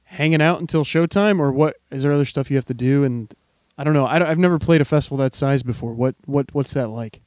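A man's voice: a little high, a little mellow, no room sound, clean studio sound. A man interviewing a musician in a friendly, chatty way, asking loose, rambling questions. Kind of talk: casual interview chat.

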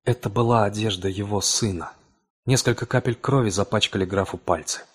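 A man reading a horror tale in a measured, dramatic storytelling voice. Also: lowish voice, husky. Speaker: audiobook narrator. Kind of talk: scripted dramatic narration.

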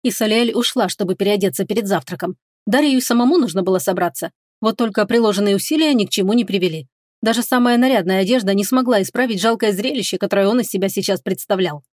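Audiobook narrator: woman, even middle voice, dry studio read. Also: mid-range voice, quick pace, no room sound. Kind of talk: scripted fantasy narration.

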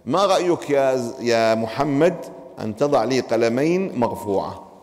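A male teacher runs a grammar lesson, firing questions at his students with a lively voice that swings up and down. The sound carries a long echo from the classroom around him. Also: mid-range voice, normal speed.

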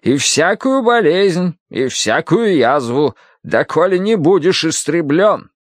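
A man's voice: a little high, very animated, no room sound, studio quality, voice pushed up, heavily acted. A man voicing a stern, pious old woman. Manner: slow, grave, declaiming. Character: stern pious older woman reading scripture.

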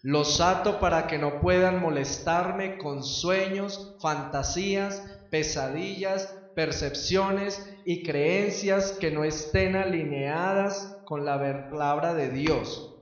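A man leading a congregation in a recited prayer with a measured, steady delivery. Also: fairly high pitch, heavy reverb, recorded from a distance, muffled recording. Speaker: prayer leader.

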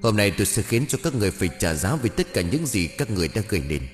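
A man's voice: fairly low pitch, very animated, fast talker, in a large hall, faint music behind. A man voicing the vengeful ghost of a young woman, bitter and grieving, spitting out harsh words in an audio ghost story. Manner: harsh, spits words one by one.

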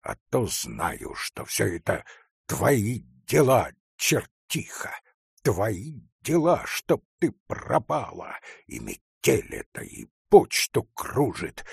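Male reader puts on a scared, grumbling sexton with a husky, slow mutter for a storybook. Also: fairly low pitch, huge pitch swings, dry recording, studio quality, exaggerated voice. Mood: accusing. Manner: hoarse, grumbling, tearful accusing mutter. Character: frightened superstitious village sexton, middle-aged man.

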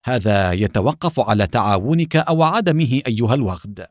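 A man voicing a cool, sarcastic male secret agent who speaks calmly and coldly. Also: mid-range voice, fast, dry recording, clean studio sound, natural voice. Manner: calm, mocking, cold.

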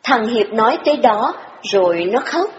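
Woman narrating an audiobook in a reverberant room. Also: on the high side. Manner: steady, measured storytelling. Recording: dull, roomy reverberant audio with faint music.

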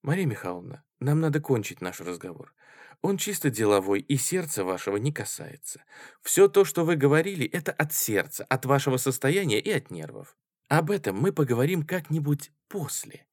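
A man's voice: mid-range voice, very animated, normal speed, no room sound, clean studio sound. A man reading an audiobook, voicing a cool, dismissive male student who talks in a firm, lecturing way. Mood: businesslike.

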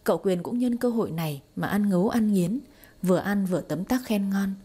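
A woman narrates a romance story in a steady, even storytelling manner. Her voice is mellow and dark with a husky edge. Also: mid-range voice, brisk.

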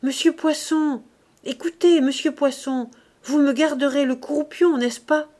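A woman's voice: sits high, fairly even intonation, unhurried, darkish tone, pitched above the performer's own voice. A woman voicing a young working-class woman who keeps calling for attention over the noise. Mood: insistent. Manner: insistent, repeating herself.

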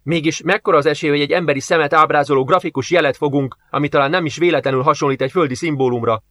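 A man voicing a stubborn young female lieutenant who speaks briskly and insistently. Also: on the high side, a bit bright, natural voice.

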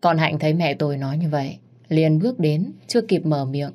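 A woman's voice: low voice, animated, fairly quick, dark tone. A woman narrating a dramatic family story in the first person.

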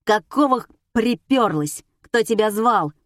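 A woman reading an audiobook, voicing a rough, aggressive teenage girl who snaps and shouts. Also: on the high side, very animated, normal speed, no room sound, studio quality. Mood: shouting angry. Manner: shouting, snapping.

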